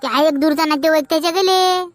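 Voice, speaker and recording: A bold young village girl with a Vidarbha Marathi accent, played by a woman. Her voice is high and she teases and scolds, recorded dry and close with no room sound. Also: quick pace, no echo. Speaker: comedy actor. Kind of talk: rural comedy sketch acting.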